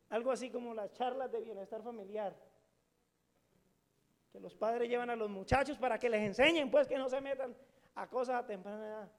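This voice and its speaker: A middle-aged pastor, preaching a sermon to a congregation in a colloquial, joking storytelling way and putting questions to the audience. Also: male voice, very high voice.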